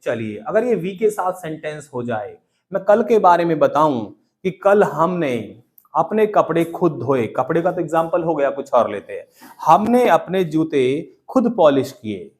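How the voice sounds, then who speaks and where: A man's voice: fairly high pitch, sing-song, moderate pace, a little mellow. A man teaching a spoken English class in a classroom, drilling students by asking them to repeat phrases. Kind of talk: classroom lesson in Hindi and English.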